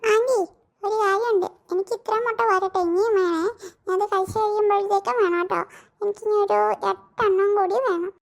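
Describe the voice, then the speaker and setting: A very high, squeaky little boy in a cartoon, cheeky and bossy, always demanding more food, as a woman puts him on. he talks back with a pushy, bratty edge. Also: steady tone, brisk. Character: boastful greedy little boy guest. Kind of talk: cartoon voice acting.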